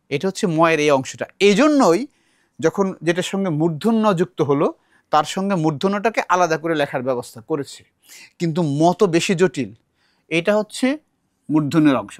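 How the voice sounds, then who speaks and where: A man's voice: on the high side, no echo, clean studio sound. A man from Bangladesh teaching a recitation class, patiently explaining and repeating words aloud to model how they are said. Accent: Bangladeshi Bengali. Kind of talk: classroom lesson.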